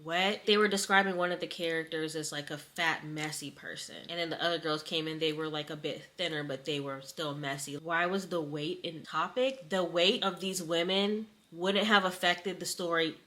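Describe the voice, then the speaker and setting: A woman vlogging casually about her reading at home, chatty and animated as she talks straight to her viewers. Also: deep voice, moderate pace, hardly any pauses. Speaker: book vlogger. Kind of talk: casual vlog chat. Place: indoors at home.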